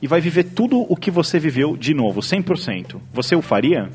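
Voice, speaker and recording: A man's voice: on the high side, big pitch swings, a little fast, darkish tone. A man with a Brazilian Portuguese accent co-hosting a casual podcast chat over drinks, joking and rambling into mock-philosophical questions. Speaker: podcast co-host.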